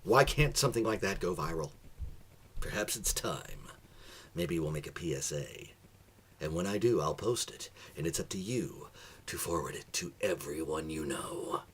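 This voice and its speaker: A man hosting a comedic video monologue and telling a joke in a theatrical way, moving between loud and hushed delivery. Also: deep voice, animated, normal speed, slight background noise. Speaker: vlog host.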